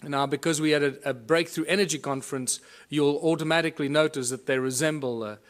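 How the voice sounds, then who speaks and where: A man's voice: a little high, steady tone, fairly quick, reverberant, rough recording. A man giving a lecture with a hands-on demonstration, explaining in a loose, rambling way with fillers and restarts.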